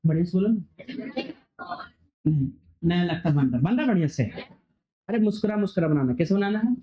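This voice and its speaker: A male physics teacher lecturing a classroom, firing quick questions and waiting for students to answer. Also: sits high, expressive. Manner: quizzing students, call-and-response. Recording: dull lo-fi recording.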